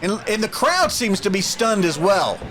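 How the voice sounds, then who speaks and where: A man doing excited, dramatic wrestling commentary as the lead announcer, emphatic and fond of rhetorical questions. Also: high voice, moderate pace, slight background noise.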